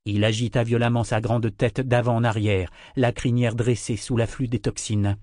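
A man narrating an audiobook in a measured, steady reading. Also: mid-range voice, no echo, studio quality.

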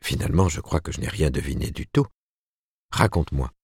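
A man's voice: a bass voice, fairly quick, creaky, a little mellow, slightly rough, dry recording, clean studio sound, heavily acted. A man doing a stern, proper middle-aged mother. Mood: coaxing. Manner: admonishing, rising emphatically. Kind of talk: audiobook character reading.

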